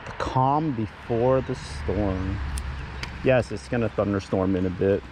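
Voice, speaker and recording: A man vlogging a fishing trip outdoors, chatting casually and exclaiming excitedly at every fish. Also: on the low side, a little slow, background noise. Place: outdoors by the water. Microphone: action camera.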